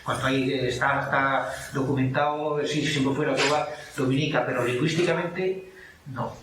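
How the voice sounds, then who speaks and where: A man's voice: medium pitch, steady tone, normal speed, background noise. A man with an Asturian Spanish accent giving a rambling, anecdotal talk on place names at a book presentation. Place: lecture hall. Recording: echoey hall from far off.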